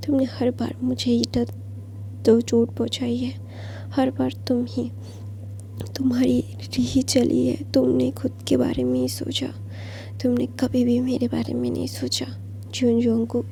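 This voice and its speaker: A weary, stern young male doctor speaking flatly and coldly, as a woman storyteller reads him. The tone is dark and even, with a gravelly texture. It is read for a storybook-style telling. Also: fairly high pitch, a little slow, a little hiss or hum. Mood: cold, hurt.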